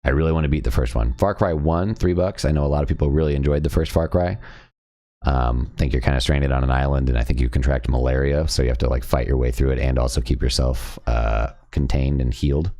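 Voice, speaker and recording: Very deep-voiced chatty male streamer. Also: fast. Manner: rambling, chatty, excitable. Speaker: streamer host. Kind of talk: casual live-stream chat.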